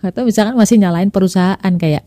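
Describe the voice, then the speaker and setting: A woman's voice: medium pitch, mellow, dry recording. Woman host, chatty self-help talk, dry close sound. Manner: chatty, acts out quoted inner voices. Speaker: podcast host.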